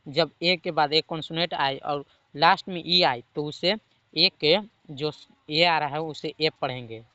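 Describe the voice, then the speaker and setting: A man with a Bihari Hindi accent teaching a spoken English lesson, slowly repeating each rule and asking if it is understood. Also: on the high side, sharp tone, dry recording, lo-fi sound. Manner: slow, repeats rules and checks understanding.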